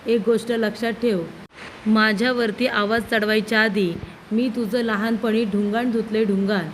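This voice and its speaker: A woman's voice: fairly high pitch, level tone, moderate pace, slight background noise, close to an everyday voice, low-quality recording. A woman reading out the lines of a blunt, cheeky housemaid who talks back to her employer. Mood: defiant. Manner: cheeky, scolding. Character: blunt older housemaid who raised the master.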